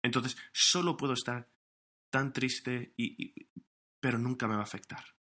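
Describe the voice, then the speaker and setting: A man's voice: medium pitch, steady tone, a little slow, bright, forceful tone. A man preaching a sermon as pastor, earnest and emphatic, often restarting his phrases, recorded for an online broadcast. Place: recorded for online streaming during lockdown.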